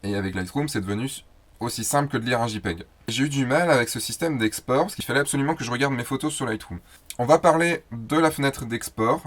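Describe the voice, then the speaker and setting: Chatty man explaining photo software. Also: mid-range voice. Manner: chatty, loose, with fillers and self-corrections. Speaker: host of a photo tutorial show. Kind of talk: casual screen-recorded software tutorial.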